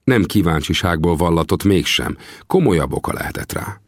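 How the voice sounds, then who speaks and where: A man narrating a classic adventure novel in the first person, in measured storytelling. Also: low voice, lively intonation, dry recording, clean studio sound. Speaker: audiobook narrator.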